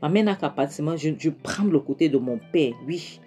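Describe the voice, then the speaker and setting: A woman's voice: low voice, animated, fairly quick, mellow, slightly rough, faint music behind, exaggerated voice. A woman doing a defiant, insolent young woman. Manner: defiant, dismissive.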